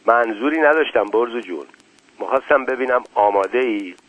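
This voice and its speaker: A man voicing a timid, soft-spoken male gambler who stammers politely. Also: medium pitch, dry recording, close to an everyday voice. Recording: tinny phone-like, dry.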